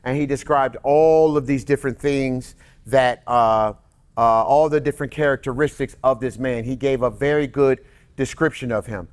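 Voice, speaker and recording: Brief: male preacher, conversational and joking, slows right down to read scripture. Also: medium pitch, fairly even intonation. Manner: conversational, joking with the congregation, reads scripture slowly. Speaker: teacher. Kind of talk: casual sermon.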